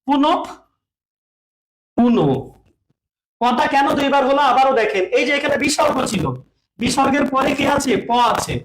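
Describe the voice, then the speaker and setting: A man with a very high voice teaches a lesson at a board. He asks his listeners questions, answers them himself, and repeats each point. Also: brisk, fairly bright tone, slight background noise, poor audio.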